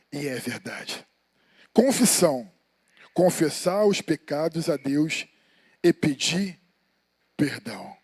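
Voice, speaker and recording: A Brazilian man preaches an informal sermon, swapping between exhortation and chatty personal anecdotes. His voice sits high for a man. The sound is dry, with little room echo. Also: sing-song, takes it slowly, pauses often, darkish tone, slightly rough. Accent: Brazilian Portuguese. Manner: colloquial, storytelling, addresses listeners as brothers. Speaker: evangelist preaching. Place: church sanctuary.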